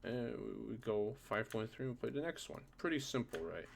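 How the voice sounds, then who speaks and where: Sitting indoors at a computer, a medium-pitched man with vocal fry talks through a software tutorial in an animated, fairly quick way. He's informal, hesitant and thinks aloud, and the noisy home recording picks up keyboard clicks, typing and background noise.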